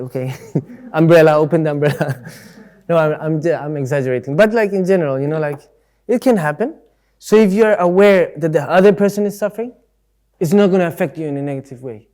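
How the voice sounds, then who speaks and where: A man's voice: on the high side, dark tone. A man giving a casual, conversational Dharma talk at a Buddhist centre, explaining ideas through everyday examples. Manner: acts out voices in quotes.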